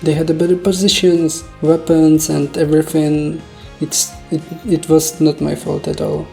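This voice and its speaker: A woman with a low, mellow voice, a native Czech speaker, recounts a dream casually. She sounds puzzled by her own story, questioning herself and joking at her own expense. Faint music plays behind her. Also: little pitch movement, unhurried, creaky. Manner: self-deprecating, jokey, puzzled asides and mock-serious boasting. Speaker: video storyteller. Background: soft music.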